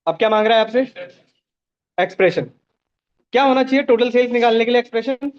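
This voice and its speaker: A man's voice: extremely high pitch, quick pace, smooth, lo-fi sound. A man teaching a live online class, walking students through each step and checking in with them as he goes.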